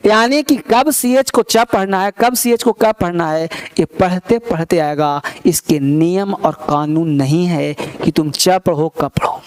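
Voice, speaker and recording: Male English tutor, clear high voice, repeats and quizzes constantly. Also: darkish tone. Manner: repeats words and quizzes students, drills pronunciation. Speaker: English teacher. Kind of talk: classroom grammar lesson in Hindi.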